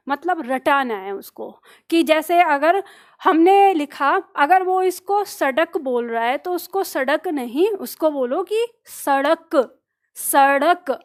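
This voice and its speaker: A woman teaching an online Hindi lesson, explaining step by step, putting questions to her students and answering them herself. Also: extremely high pitch. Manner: slows down and drags out letter sounds to demonstrate pronunciation. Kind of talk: online exam-prep lesson.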